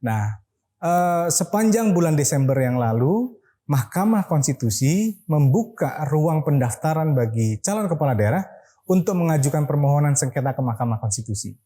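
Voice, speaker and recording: A man's voice: on the high side, very animated, normal speed, warm tone. A man with an Indonesian accent hosting a discussion show in a chatty, explanatory, conversational way. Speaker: host of a legal discussion show. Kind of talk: casual, conversational show presenting.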